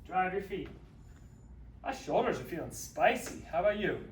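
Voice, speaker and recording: A man with a fairly high voice coaches a workout, joking and counting reps as he moves, a little out of breath. He sounds set back from the mic in an echoey, empty room with a faint hum of ambience. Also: animated, moderate pace, far from the mic. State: a little out of breath while exercising. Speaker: fitness instructor. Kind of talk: guided workout instruction.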